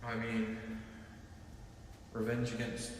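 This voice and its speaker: A man's voice: mid-range voice, monotone, takes it slowly, over a noisy crowd, lightly acted. An actor playing a cautious, earnest male investigator, talking in a hesitant, probing way in a naturalistic horror drama. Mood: probing, uneasy. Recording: very echoey room, faint noise.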